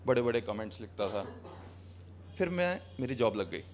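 A man's voice: medium pitch, sing-song, normal speed, background noise. Young man doing sarcastic stand-up. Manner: conversational, sarcastic, switching between Hindi and English. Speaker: stand-up comedian. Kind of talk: stand-up comedy set. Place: small cafe stage with brick wall, live audience. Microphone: handheld mic.

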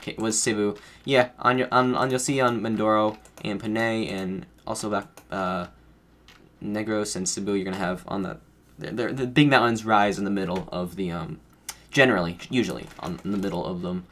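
A gaming streamer commentates his own play casually, rambling and correcting himself as he thinks out loud. His fairly low, fairly bright voice moves fairly quickly, though it sounds a bit off because he's feeling under the weather.

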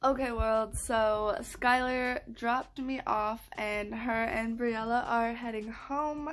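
A woman's voice: on the high side, fairly even intonation, slow, faint music behind. A young woman in casual vlog chat, rambling and self-mocking as she talks to a phone held at arm's length in her bedroom. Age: young adult. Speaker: vlogger. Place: small bedroom at home, indoors.

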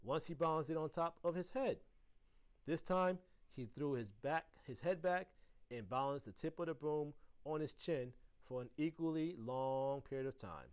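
A man, an assistant principal, narrating a children's chapter book aloud in an expressive storytelling manner. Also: moderate pace, smooth. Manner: expressive storytelling with lively pitch.

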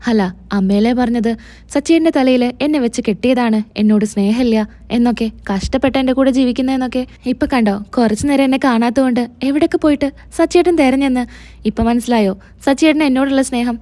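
An earnest young wife explaining herself in a soft, slightly high, mellow voice, as a woman storyteller reads her part. Her tone is sincere and pleading. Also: quick pace, natural voice.

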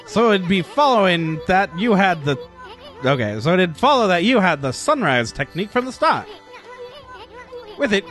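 A man's voice: sits high, fairly bright tone, voice pushed up, exaggerated voice. A man voicing a cocky, tiny male wandering artist, reading game dialogue in a chatty, teasing way.

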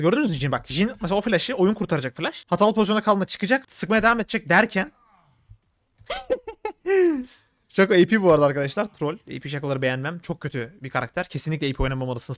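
A man streaming a video game, giving quick play-by-play and complaining about his teammates. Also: on the high side, very animated, a bit bright, no room sound. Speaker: gaming streamer. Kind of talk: live gameplay commentary.

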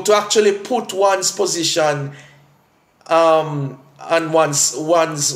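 A pastor leads a Bible study in a deliberate, unhurried way, circling back to repeat his key phrases. His voice sits fairly high for a man and carries a strong echo from the room. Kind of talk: church Bible study teaching.

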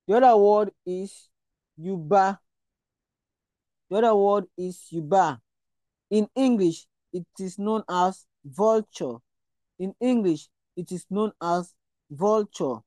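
A woman gives a language lesson at an unhurried pace. Her voice is soft-edged and dark, in a close, dry recording. She speaks deliberately, repeating items for learners. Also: mid-range voice, no echo. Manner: deliberate, repeats words and spells them out. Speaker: language teacher and channel host. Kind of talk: slow vocabulary lesson with repetition.

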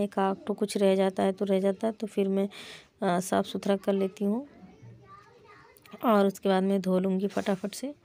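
Young mom doing a casual cooking vlog in her little kitchen, flat gravelly voice, kinda dark tone. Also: medium pitch. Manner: plain, chatty, repeats "to" as a filler. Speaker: mother vlogging her household day. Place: small home kitchen.

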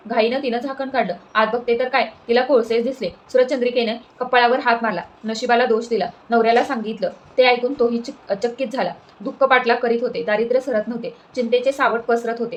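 A woman storyteller reading a devotional folk tale in a steady, measured recital. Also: on the high side, low-quality recording.

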